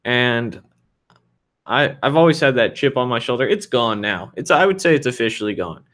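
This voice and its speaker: A man's voice: mid-range voice, animated, moderate pace, fairly bright tone. Frank rambling man in his thirties. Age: 30s. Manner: loose, rambling, frank with fillers. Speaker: developer answering viewer questions. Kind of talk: casual livestream Q&A.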